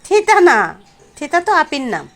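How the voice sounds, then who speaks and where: A woman, gently asking a toddler questions in a coaxing, sing-song home-video chat on a phone camera. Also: high-pitched, huge pitch swings, moderate pace. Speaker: parent filming a toddler.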